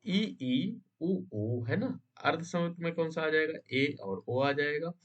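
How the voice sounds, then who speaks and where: A man's voice: on the high side, animated, measured pace. Man teaching, quizzing his class. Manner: asks rhetorical questions and answers them; checks in with "है ना?" and "समझे?". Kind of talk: exam-prep grammar lesson. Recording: dull lo-fi sound.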